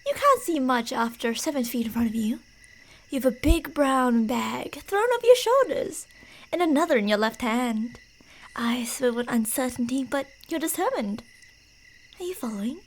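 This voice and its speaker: The audio is poor, but the woman's high voice comes through with lively intonation at normal speed. She performs ASMR horror roleplay as a creepy, teasing, delusional yandere stalker, narrating her prey's path with playful menace and lapsing into whispers.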